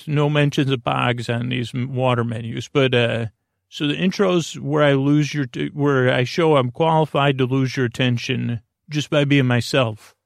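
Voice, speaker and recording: Studio quality with no room sound, this bedtime podcast features a male host whose creaky voice sits mid-range. His monologue meanders, halts and digresses.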